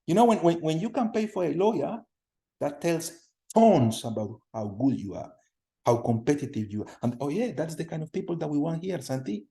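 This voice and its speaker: A man from Colombia in his thirties teaching a class over a video call, energetic, often repeating words and putting questions to the students. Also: on the high side, moderate pace, vocal fry. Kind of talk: online class lecture. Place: home room on a video call.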